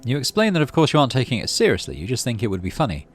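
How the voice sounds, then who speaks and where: A gaming video host plays through a video game, reading the story aloud and musing to himself as he makes choices. His mid-range voice swings hugely in pitch and comes out rapid-fire. Game music plays in the background.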